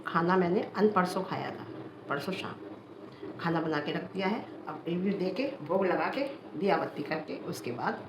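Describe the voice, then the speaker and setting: An older woman vlogging in a casual, mocking and defiant tone, answering a critic with laughs. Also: lowish voice. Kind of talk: casual talk to camera. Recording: echoey room, faint background noise.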